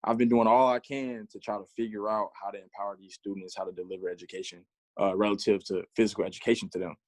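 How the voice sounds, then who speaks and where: With quick pace and a level tone, a young man in his mid twenties, a physical education teacher, answers an interviewer in an easygoing, reflective manner, laughing lightly. His voice is lowish. The recording is rough but has no room sound.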